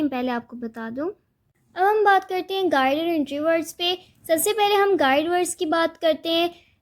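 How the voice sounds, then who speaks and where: A woman teacher explaining a school vocabulary lesson step by step, patient and repetitive with small hesitations. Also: very high voice. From South Asia.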